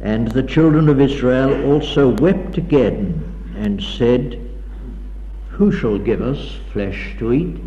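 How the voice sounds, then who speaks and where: A man's voice: medium pitch, slow, dark tone, lo-fi sound, slight background noise. A man delivering an evening address in a hall, reading scripture aloud in a dramatic, declaiming way, heard on an old 1960s tape recording. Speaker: preacher. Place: lecture hall.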